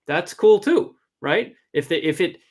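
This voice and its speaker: Investor guy coaching, bit higher voice, blunt and emphatic, casual, says right? a lot. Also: lively intonation, a little slow. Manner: checks in with "right?". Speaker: angel investor coaching founders. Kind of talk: informal pitch coaching.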